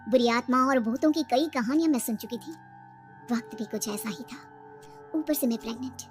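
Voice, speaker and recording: A woman's voice: fairly high pitch, fairly quick, soft background music. A woman narrating a first-person horror bedtime story in a tense, suspenseful way. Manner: tense, breathless suspense telling. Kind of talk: dramatic scripted horror narration.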